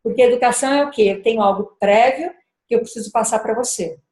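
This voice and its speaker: A woman's voice: a little high, quick pace, a little mellow. Reflective woman in an echoey room. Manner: thoughtful, searching for words, many restarts. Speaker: speaker at a parenting gathering. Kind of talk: reflective talk with personal story.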